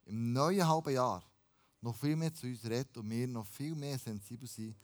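A pastor preaching a lively, casual sermon and dropping in English phrases. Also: male voice, medium pitch, normal speed.

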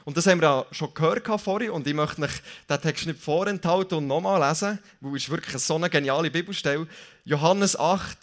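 Lively young Swiss preacher, fairly high voice. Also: male voice, a little fast. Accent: Swiss German. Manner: lively, casual preaching with jokes and self-corrections. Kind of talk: sermon.

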